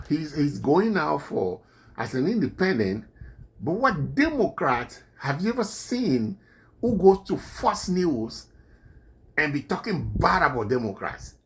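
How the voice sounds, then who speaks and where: A man with a non-native accent, English not being his first language, offers indignant political commentary in a husky, rather high voice. His pitch swings widely as he drives his points home over and over.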